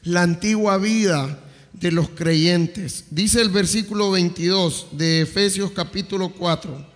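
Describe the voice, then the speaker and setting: A man's voice: sits high, unhurried. A man preaches a sermon, putting question after question to his listeners. His voice rings with a long reverb in a church hall. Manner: asks the congregation questions.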